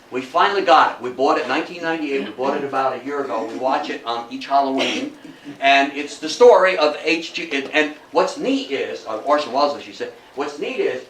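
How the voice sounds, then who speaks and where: An older American man, a guest lecturer on old-time radio history, gives an informal, anecdote-filled talk to a live audience at a historical society. His delivery is folksy and emphatic, his voice a little high for a man and a bit bright. He's recorded from a distance in a roomy space with faint noise.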